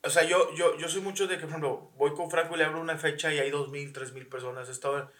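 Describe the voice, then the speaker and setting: A man with a higher voice, a stand-up comedian chatting loosely in slang with the host. He chimes in often with quick agreements. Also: fairly even intonation, a bit bright. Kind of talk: casual chat.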